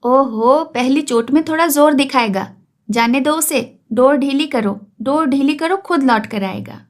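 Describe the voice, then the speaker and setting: Brief: a woman doing a jeering, rowdy drunk for an audio story, high-voiced. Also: measured pace.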